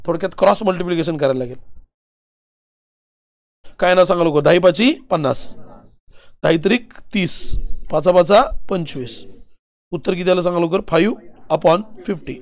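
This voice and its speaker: A man with a Marathi accent teaching commerce, firing quick questions and answering them himself in call-and-response style. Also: high-pitched, no room sound. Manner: rapid questions, repeatedly urging students to answer quickly. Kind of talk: classroom lecture with call-and-response drilling.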